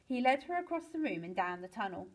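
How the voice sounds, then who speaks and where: A woman, a teacher, reading a children's book aloud to pupils in a lively storytelling way, with big swings for the exciting parts. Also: a little high, fast talker, rough recording.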